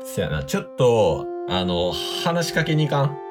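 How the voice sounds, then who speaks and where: A man in his late twenties with a Kansai accent, goofy and loud as he plays along in an improvised comedy skit. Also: mid-range voice, very animated, moderate pace. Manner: goofy, loud, self-deprecating. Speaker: comedy duo member. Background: background music.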